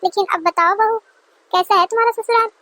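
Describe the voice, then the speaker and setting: A woman's voice: extremely high pitch, steady tone, a little fast, sharp tone. A woman doing a nagging mother-in-law. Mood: sweet. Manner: scolding, sarcastic. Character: middle-aged mother-in-law, nagging and quick-tempered.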